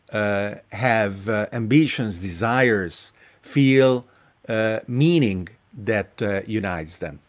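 A man hosting a live interview show, speaking slowly and haltingly with many filler sounds. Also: on the low side. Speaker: host.

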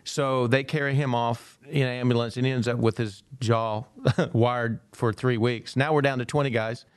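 A man's voice: medium pitch, steady tone, normal speed. A middle-aged man, a former football coach, telling a long story on a podcast, acting out the dialogue and laughing often.

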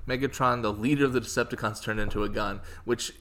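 A man's voice: medium pitch, steady tone, fast talker, a bit bright, slight background noise. A man co-hosting a podcast, chatting in an easygoing way, hedging his opinions and asking questions. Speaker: podcast co-host. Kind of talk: casual chat.

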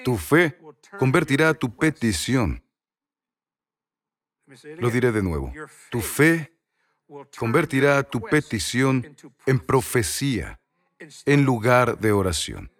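A man's voice: medium pitch, big pitch swings, takes it slowly, long pauses, a bit bright. A man preaching a sermon, repeating key phrases and asking the congregation rhetorical questions.

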